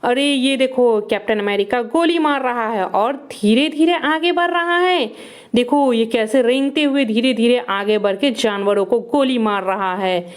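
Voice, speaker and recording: A woman narrating toy play for children in an excited, exclaiming way, cheering the toys on. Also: fairly high pitch, unhurried, smooth.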